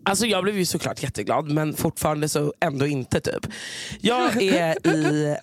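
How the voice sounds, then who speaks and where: A woman hosting a podcast, telling a story in a lively, animated way and acting out what everyone said. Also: deep voice, no echo. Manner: animated storyteller, acts out quotes. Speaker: podcast host. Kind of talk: casual chat, storytelling.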